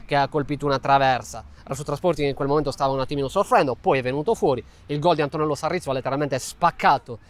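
Clear-voiced man calling football. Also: medium pitch, fairly even intonation, quick pace, hardly any pauses. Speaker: football match commentator. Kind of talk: live play-by-play commentary.

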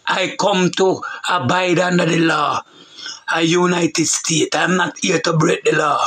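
A man's voice: a little high, fairly even intonation, a little slow, a bit bright, husky, low-quality recording. A middle-aged Jamaican man with a Jamaican accent, preaching in an emphatic, repetitive way in patois. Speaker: preacher on a talk show. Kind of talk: loose preaching monologue.

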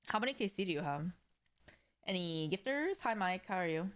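Her voice sits fairly low and comes across clean and animated, moving a little fast. It's a young woman at home in an indoor room, livestreaming gameplay and casually talking directly with viewers.

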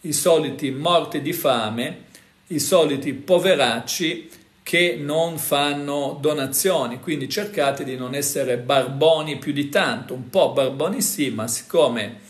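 A man's voice: a little high, unhurried, echoey room. A man hosting a casual talk, explaining things to viewers in a conversational way, full of fillers and tag questions. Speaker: host.

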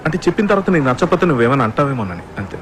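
A man's voice: medium pitch, sing-song, rapid-fire, close to an everyday voice. An actor playing a hesitant, meddling male sidekick in a comedy film, repeating himself and teasing. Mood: coy. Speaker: director's sidekick. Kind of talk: comic film dialogue. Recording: street traffic noise behind.

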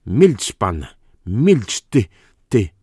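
A man reading an audiobook voices a proud, unstable aristocratic count who bursts out in indignant, theatrical shouts. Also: lowish voice, lively intonation, slow, no room sound, studio quality, voice pushed up. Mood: furious. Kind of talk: audiobook character voice.

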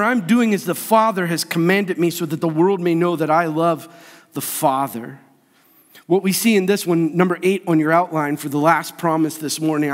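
Animated high-voiced preacher in a reverberant hall. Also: male voice. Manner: animated, playful, acts out scenes in funny voices. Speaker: pastor. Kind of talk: sermon. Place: church sanctuary.

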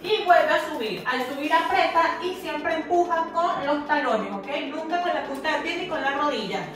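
A woman's voice: high voice, lively intonation, moderate pace, fairly bright tone. A woman working as a fitness instructor, giving exercise cues and counting repetitions aloud with short, encouraging commands. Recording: echoey room, far from mic, music behind. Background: music.

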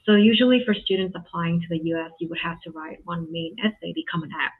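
A young woman from Vietnam, a university student on an advice panel, speaking in a thoughtful, measured way. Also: lowish voice, slightly rough. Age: young adult. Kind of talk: advice panel on a video call. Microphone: webcam video call. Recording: tinny lo-fi call audio.

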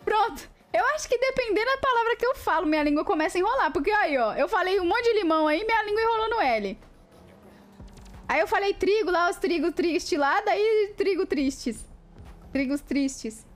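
A woman's voice: extremely high pitch, animated, normal speed, faint music behind. A woman with a Brazilian Portuguese accent chatting casually on a live stream, playful and giggly, greeting viewers by name and laughing as she trips over tongue twisters.

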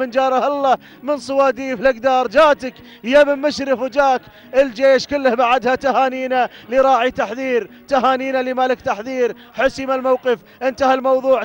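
A man's voice: very high-pitched, lo-fi sound. A man calling a race live in a chanting style, repeating his congratulations. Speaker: race commentator. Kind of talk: excited live race commentary.

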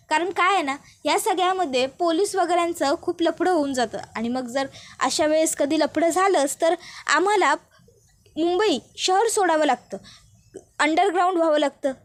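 A woman's voice: very high voice, a bit bright. A woman voicing a hired thug who haggles over his payment in a wheedling way. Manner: wheedling, businesslike.

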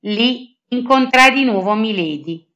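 A woman reading a children's adventure tale aloud in the first person. Her voice is bright and clear, and she reads slowly with a lively, rising-and-falling intonation. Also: fairly high pitch, highs cut off. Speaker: storybook reader.

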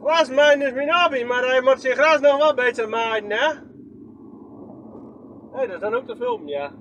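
High-voiced Groningen man chatting while driving. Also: moderate pace, fairly bright tone, highs cut off, a little hiss or hum. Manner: rambling, chatty, asks himself questions and trails off. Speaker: vlogger. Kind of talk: casual running commentary while driving. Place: inside a moving vehicle.

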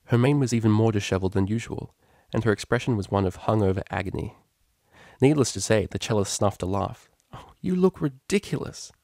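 A man narrating a fan story aloud in a steady, measured reading on a close mic. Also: on the low side, creaky, dry recording. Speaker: audiobook reader. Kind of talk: fanfiction narration.

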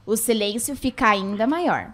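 Woman narrator for a radio soap opera, fairly high voice, scripted storytelling. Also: normal speed, noisy background.

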